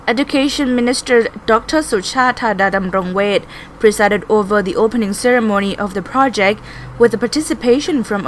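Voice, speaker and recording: A woman's voice: mid-range voice, a bit bright, rough recording. Thai-accented woman reporter over background noise. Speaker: news reporter. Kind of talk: scripted news narration.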